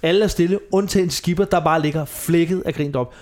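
A man's voice: a little high, darkish tone. Chatty man recapping with laughs. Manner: chatty, laughs often, retells scenes with quoted lines. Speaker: podcast host. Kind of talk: casual chat recapping a TV show.

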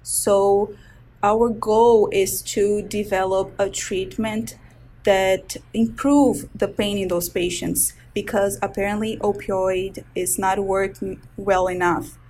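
Taking her time, a woman in her thirties from Brazil speaks with a Brazilian Portuguese accent in a darkish, mid-range voice with little pitch movement. She's a resident physician explaining her research in interview answers, handling medical terms carefully and hesitating often. The recording is low quality, with slight hiss or hum.

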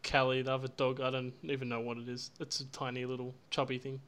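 Brief: jokey male podcast co-host, booming voice, bright and forceful tone. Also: monotone, quick pace, clear, resonant tone. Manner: laughs a lot, jokey. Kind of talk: casual chat.

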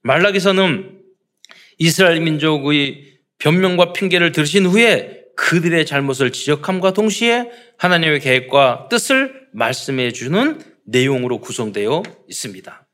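A man's voice: on the high side, expressive, normal speed, fairly bright tone. A man preaching a sermon to his congregation, asking rhetorical questions and acting out parents and children. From South Korea. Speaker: pastor.

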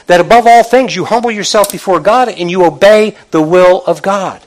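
High-pitched man preaching an exhorting motivational sermon. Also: normal speed. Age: middle-aged or older. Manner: exhorting, emphatic, with repetition and rhetorical questions; conversational, colloquial, direct address to listeners. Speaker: pastor preaching to a congregation.

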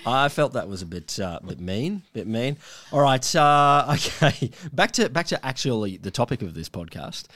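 A man's voice: mid-range voice, big pitch swings, moderate pace, a bit bright, dry recording. A man co-hosting a casual political podcast, often restarting and repeating words. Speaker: podcast co-host. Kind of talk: casual panel chat.

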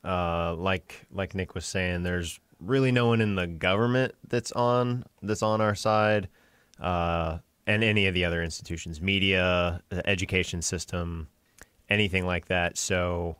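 A man's voice: sits low, fairly even intonation, a little slow, a bit bright, clean tone, no room sound, studio quality. A man on a talk show panel, giving hesitant answers full of fillers. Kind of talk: casual talk show chat.

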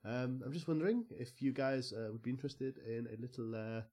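A man's voice: mid-range voice, brisk, a little mellow, lightly acted. A man voicing a nervous chief in a skull hat, stammering, polite, awkward, storyteller in a tabletop game. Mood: hesitant.

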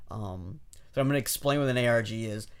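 A man's voice: mid-range voice, fast, clean tone. A man co-hosting a casual podcast, rambling and hesitant as he explains things, with plenty of fillers and restarts. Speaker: podcast co-host.

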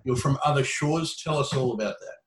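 A man hosting an interview, relaxed and loose, with filler words and short acknowledgements. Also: medium pitch, brisk, roomy sound, rough recording. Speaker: interview host. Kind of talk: interview conversation.

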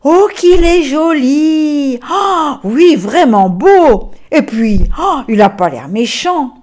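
Woman doing excited, high little children. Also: measured pace, breathy edge, heavily acted. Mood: delighted. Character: crowd of cheerful small children.

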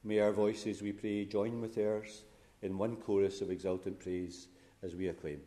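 Male priest, very low mellow voice, solemn liturgical recitation, formal phrasing, church setting. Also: flat delivery, moderate pace. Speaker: priest celebrating a funeral Mass.

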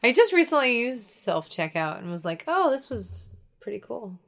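A young woman as a guest in a casual conversation, relaxed and laconic, often answering with short agreements. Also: fairly high pitch, moderate pace. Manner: relaxed, laconic, lots of mm-hmms.

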